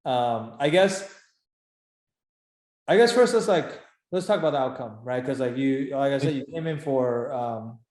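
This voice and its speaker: A man's voice: medium pitch, expressive, a little slow, darkish tone, roomy sound. A man hosting a casual interview over a video call, chatty and full of fillers. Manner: filler-heavy, loose and chatty. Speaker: interview host, founder of a career coaching program.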